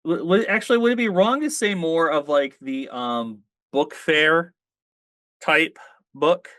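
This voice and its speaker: A man's voice: fairly high pitch, measured pace, a bit bright, no echo. A man co-hosting a casual podcast discussion, talking hesitantly with frequent stammers and restarts. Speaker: podcast co-host.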